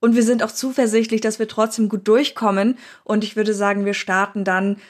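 A woman's voice: medium pitch, level tone, brisk. A woman presenting a podcast as host in a scripted, explanatory style.

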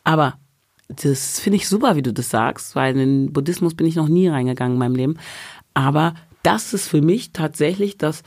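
Woman emphatic, animated podcast guest. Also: deep voice, a little fast, no room sound, studio quality. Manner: animated and emphatic, acting out quoted exchanges. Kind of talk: casual podcast conversation.

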